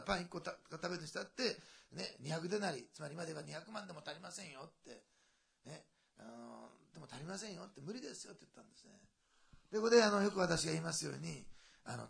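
A man preaching a sermon in a lively, conversational way, with asides and a lilt. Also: fairly high pitch, creaky. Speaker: pastor.

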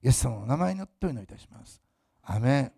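A male pastor, preaching a fervent sermon that swells loud for emphasis and drops to soft asides for the congregation. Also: medium pitch, very animated, fast talker, gravelly, slightly rough.

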